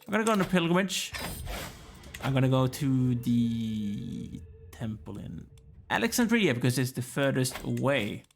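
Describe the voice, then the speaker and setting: This let's play gamer has a gravelly, mid-range voice, sounding weary and yawning as he muses aloud through a strategy game and chats with its characters.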